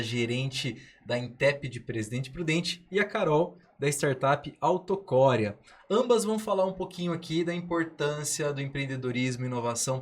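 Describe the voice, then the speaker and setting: Male podcast host, mid voice, friendly and conversational. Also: medium pitch. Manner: upbeat, conversational, with tag questions. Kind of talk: casual podcast hosting.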